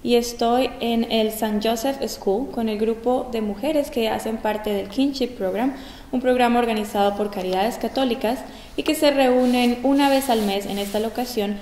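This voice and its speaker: A woman hosting a community health talk, introducing guests and asking clear questions in a school gym. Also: on the high side, a little mellow, slight background noise. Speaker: host. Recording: roomy echo, long gym reverb.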